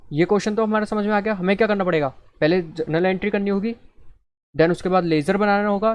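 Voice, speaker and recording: A man's voice: fairly high pitch, gravelly. A man teaching an accounting lesson, reading sums aloud and asking and answering his own questions. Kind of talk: screen-recorded lesson.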